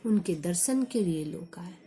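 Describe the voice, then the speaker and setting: Slow-speaking woman teaching grammar. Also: lowish voice, expressive, warm tone. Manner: slow, repeats example sentences for students. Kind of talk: Hindi grammar lesson.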